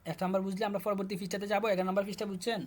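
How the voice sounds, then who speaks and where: A man's voice: high-pitched, flat delivery, rapid-fire. A man speaking Bengali with a Bangladeshi accent, teaching German. He walks students through textbook exercises and repeats words as he goes. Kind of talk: casual explanatory lesson.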